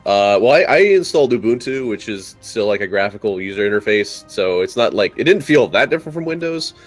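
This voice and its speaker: A man's voice: on the low side, animated, brisk, faint music behind. A man playing a multiplayer strategy game, telling rambling anecdotes over a headset mic with many restarts. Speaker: multiplayer game player and video maker. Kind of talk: casual voice-chat banter.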